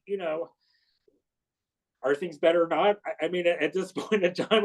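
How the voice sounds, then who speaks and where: A man in his sixties interviewing, who speaks haltingly with many fillers and restarts. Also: fairly high pitch, darkish tone, poor audio. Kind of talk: conversational interview.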